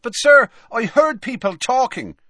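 A man putting on an eager, high-voiced schoolboy. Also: very animated, measured pace, pushed and bright, no room sound, clean studio sound, full character voice. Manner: eager, pleading questions. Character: eager young male student, high voice.

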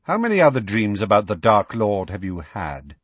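A cold, menacing schoolmaster, as a male narrator puts him on, his words low and clipped. His voice is husky, and it swings widely between soft threats and sharp jabs. The sound is dry and close. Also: big pitch swings, moderate pace, no room sound.

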